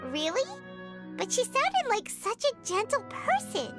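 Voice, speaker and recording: A woman voicing a tiny, excitable girlish companion creature in a video game, talking in a squeaky, chirpy way. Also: measured pace, exaggerated voice. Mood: surprised. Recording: game music underneath.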